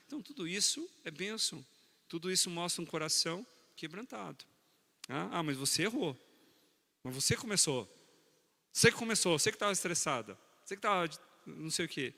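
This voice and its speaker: A man preaching a sermon on marriage, animated, teasing his congregation and speaking to them directly. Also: a little high, gravelly, long reverb tail.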